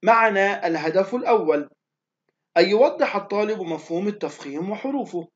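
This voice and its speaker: High-voiced male teacher, slow repetition. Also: expressive, lo-fi sound. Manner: repeats definitions slowly, drawing out letters. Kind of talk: recorded online lesson.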